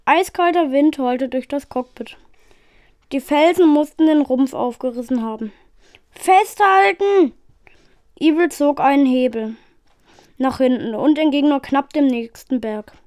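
Woman, reading a novel aloud, steady, high voice, dry. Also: moderate pace, dry recording. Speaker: reader.

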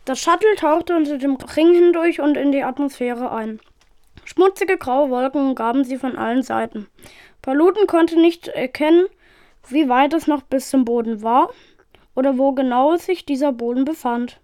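A woman reading an adventure novel aloud in a steady storytelling manner. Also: high-pitched, normal speed, dry recording, studio quality. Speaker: reader.

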